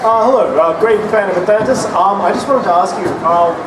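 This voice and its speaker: A man's voice: sits high, fairly quick, noisy background. A man in a convention audience asking the guest a question, hesitant and eager. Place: convention hall floor mic. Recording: distant echoey hall with crowd.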